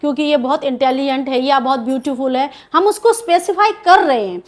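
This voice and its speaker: A woman's voice: high-pitched, a little fast. A woman with an Indian accent teaching English grammar in a video lesson, asking questions and answering them herself.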